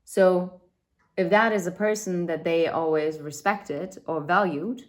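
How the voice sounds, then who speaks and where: A woman with a fairly low voice talks her way through a tarot spread. Her delivery is loose and chatty, full of fillers and side remarks. She speaks from a room beside a window. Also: steady tone, a little slow. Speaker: tarot reader. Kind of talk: casual tarot reading.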